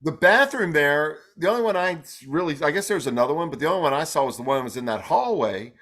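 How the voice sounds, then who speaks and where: A man's voice: a little high, lively intonation, fast talker, fairly bright tone. A man co-hosting a podcast, chatting casually in a rambling, self-deprecating way and laughing often. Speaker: podcast co-host. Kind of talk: casual chat.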